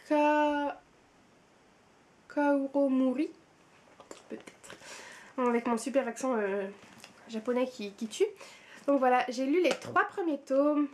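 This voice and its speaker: A woman with a French accent chatting casually about her month's reading for her book vlog, repeating words for emphasis with many fillers. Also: sits high. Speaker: book vlogger.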